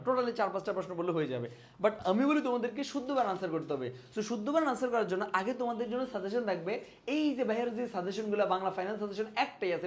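A young man teaching a casual exam-prep lesson, chatty, speaking straight to his students and mixing in English words. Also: sits high.

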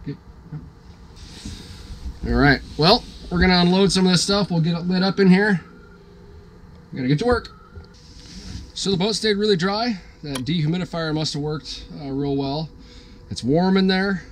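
A sailing vlogger in his thirties films himself at arm's length with a handheld camera, chatting casually to it from the cabin and deck of his sailboat at a marina. He's relaxed and easygoing, with a high voice, a moderate pace, frequent pauses and many "uh" fillers. A little hiss or hum runs under the audio.

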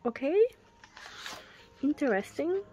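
Young woman, fan unboxing; unhurried, gushing, breathy gasps; soft music bed. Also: sits high, sing-song. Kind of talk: casual unboxing commentary.

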